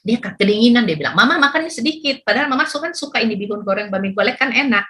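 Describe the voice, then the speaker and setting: A middle-aged woman from Indonesia preaches to her congregation, weaving in lively stories from home. Her voice is bright and forward, and her pitch sits in the middle for a woman. She talks in a chatty, expressive way, often rising with excitement. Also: rapid-fire. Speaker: pastor. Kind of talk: sermon with personal stories.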